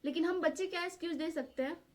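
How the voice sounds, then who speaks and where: High-voiced woman from jharkhand doing a casual vlog, earnest and pleading, lots of fillers. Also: fast talker, darkish tone. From Jharkhand, India. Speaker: vlogger. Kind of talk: casual direct-to-camera vlog.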